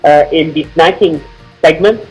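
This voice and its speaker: A man from Lebanon, founder of a company, explaining his product in a podcast interview with a measured, filler-laden manner. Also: a little high, husky, soft background music, low-quality recording. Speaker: founder and CEO guest.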